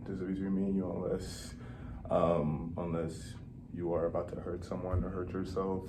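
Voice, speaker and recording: A man with a very deep voice plays the counselor in an intake role-play. He is calm and gently probing, and keeps the talk moving with steady acknowledgments. Clear background noise runs under the recording.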